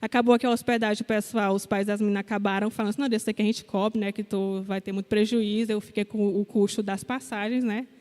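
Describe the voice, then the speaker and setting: A woman's voice: mid-range voice, steady tone, fast talker, hardly any pauses, darkish tone. A young woman giving a personal testimony in a sermon, telling her story candidly and quoting the people in it. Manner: candid storytelling, quotes herself and others. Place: church hall. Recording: long hall reverb.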